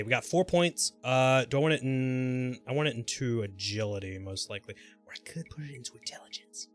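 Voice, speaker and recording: A man with a medium-pitched voice live-streams a game, giving casual, exclamatory commentary as he reacts out loud and swears freely.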